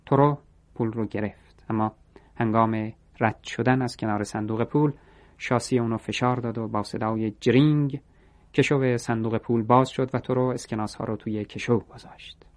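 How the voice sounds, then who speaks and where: A man narrating a story in a steady, measured reading voice. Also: mid-range voice.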